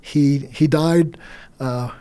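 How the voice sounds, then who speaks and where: A man's voice: a little high, steady tone, extremely slow, mellow, smooth. A middle-aged man giving a faith interview as a guest minister, speaking earnestly and often restarting and repeating his words.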